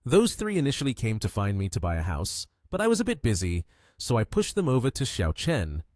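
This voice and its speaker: A man's voice: medium pitch, wildly swooping pitch, a little fast, darkish tone, no room sound, clean studio sound. A man voicing a pushy young female sales employee who pleads and tries to grab credit. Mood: pleading.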